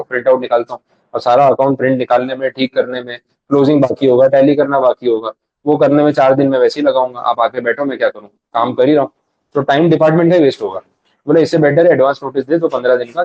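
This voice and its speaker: Man, rapid conversational lecturing, dry muffled sound. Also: medium pitch, no room sound. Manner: fast, conversational, acts out little dialogues. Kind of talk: live exam revision lecture.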